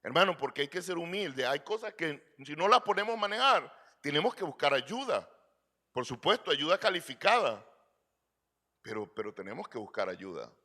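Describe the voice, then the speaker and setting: Forceful, earnest preacher man. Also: a little high, big pitch swings, moderate pace. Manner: earnest preaching, asks rhetorical questions and addresses listeners as brother. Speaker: pastor. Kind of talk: sermon.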